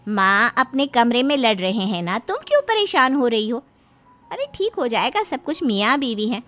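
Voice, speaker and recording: A woman voicing a sharp-tongued young sister-in-law in a cartoon, talking back loudly. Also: fairly high pitch, big pitch swings, moderate pace, soft background music. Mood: snippy. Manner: snippy, talks back.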